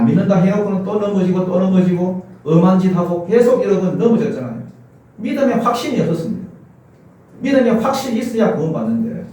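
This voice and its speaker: Echoey Gyeongsang-accented preacher, lively high pitch. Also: male voice. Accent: Gyeongsang Korean. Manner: preaching with rhetorical questions to the congregation. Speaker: pastor. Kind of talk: sermon. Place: church sanctuary. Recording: very echoey church hall, mic at a distance.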